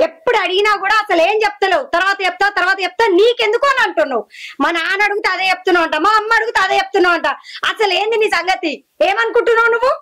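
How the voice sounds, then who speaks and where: A woman's voice: very high-pitched, rapid-fire, sharp tone. A woman playing an accusing young wife. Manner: accusing, demanding answers. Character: young wife confronting her secretive husband. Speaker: wife and daughter. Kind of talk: village short film acting.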